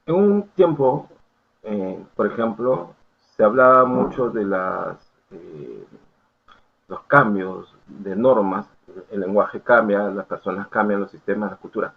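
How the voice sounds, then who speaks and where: Male lecturer, patient and explanatory, keeps checking students follow; lowish voice, tinny lo-fi recording. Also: creaky, slight background noise. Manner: explanatory, full of checking questions and fillers. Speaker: university lecturer. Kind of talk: academic lecture. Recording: tinny phone-like audio.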